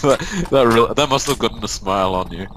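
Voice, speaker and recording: A man's voice: medium pitch, animated, fairly quick, over a noisy crowd. A man playing a game and chatting casually, joking, laughing and teasing his co-player. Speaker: let's play gamer. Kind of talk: casual gaming banter.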